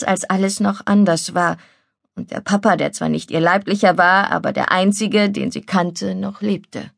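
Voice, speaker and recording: A woman reading a novel as audiobook narrator in a calm, measured way. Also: medium pitch, creaky, dry recording. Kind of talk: scripted narration. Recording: dry studio recording.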